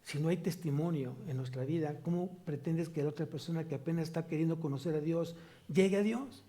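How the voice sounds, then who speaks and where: A man's voice: on the high side, fairly quick, mellow. A man with a Mexican Spanish accent preaching a sermon as pastor, asking the congregation rhetorical questions and rising to emphatic peaks.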